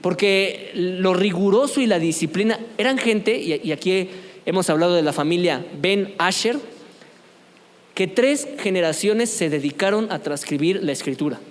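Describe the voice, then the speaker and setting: A man's voice: sits high, moderate pace, big-room sound. A man teaching a church youth group, speaking conversationally and often asking the group questions. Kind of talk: church youth lesson on apologetics. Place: church meeting room.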